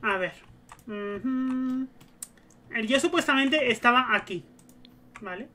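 A woman streams a game, chattily narrating each of her moves aloud in casual commentary. Her fairly high voice is slow, pushed and bright, with slight background noise.

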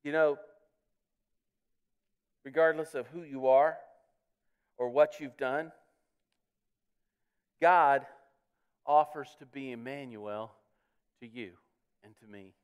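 A man's voice: medium pitch, slow pace, pauses often, smooth. A pastor preaching a sermon in church, earnest, often repeating words as he builds to his points. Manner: earnest preaching with frequent word repeats, swelling on key words. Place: church sanctuary.

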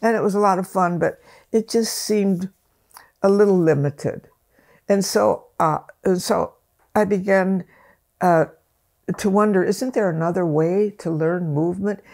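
A woman's voice: medium pitch, a little slow, vocal fry, a little mellow. An elderly woman and dance teacher, reflectively telling stories in a sit-down interview at home and often restarting her sentences. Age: older. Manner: reflective storytelling with frequent restarts. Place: wood-panelled room at home, indoors. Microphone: close interview camera framing.

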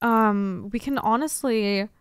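A young woman chatting through a first playthrough of a video game, chatty and excitable. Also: a little high, takes it slowly, smooth, dry recording, clean studio sound. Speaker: let's play gamer. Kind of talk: casual gameplay commentary.

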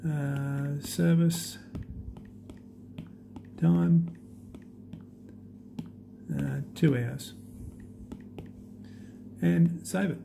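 A man walking through an app demo in a relaxed, halting way with many fillers. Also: fairly high pitch, gravelly, a little hiss or hum. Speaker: app demonstrator. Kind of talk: unscripted screen demo walkthrough.

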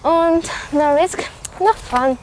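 A woman's voice: sits high, slow, slight background noise. A woman playing a bold, scheming schoolgirl. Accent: Swiss German. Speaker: actor in an amateur short film. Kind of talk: amateur film acting.

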